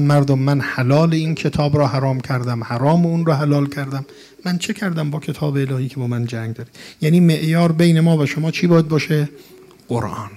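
A man with a noticeably high voice delivers a mourning sermon. He moves between slow, drawn-out chanted recitation and a more emotional spoken retelling. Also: a little mellow. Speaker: mourning preacher.

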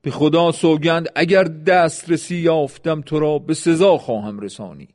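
A man's voice: a little high, a little hiss or hum, close to an everyday voice. A man voicing a harsh enemy commander who barks his orders. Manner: shouting, commanding.

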